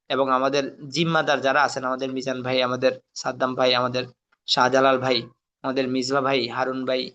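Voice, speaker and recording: A man with a Bangladeshi Bengali accent teaching a Quran-reading lesson, drilling the letters slowly and repetitively. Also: mid-range voice, bright, forceful tone. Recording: dull lo-fi audio.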